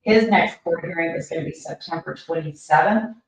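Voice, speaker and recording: Chatty livestream host, woman, low voice, heard as if through a tube with heavy echo. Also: a little fast. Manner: chatty, lots of fillers. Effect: hollow, as if talking through a tube. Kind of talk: casual livestream commentary. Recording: very echoey, distant, dull sound.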